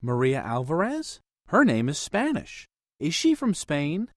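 Slow, careful woman in a lesson dialogue. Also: low-pitched, wildly swooping pitch, no room sound, studio quality. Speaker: speaker in a recorded English lesson. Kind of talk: scripted language-lesson dialogue.

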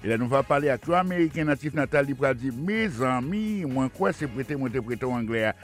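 A man's voice: mid-range voice, animated, brisk, faint music behind. A man hosting a radio English lesson, speaking directly to listeners and explaining phrases.

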